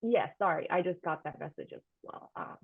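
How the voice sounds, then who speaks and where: A woman moderating an online event, brisk and apologetic as she hands over to the speaker. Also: on the low side, lively intonation, creaky, breathy edge. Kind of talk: moderating a video call. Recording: tinny phone-like call audio.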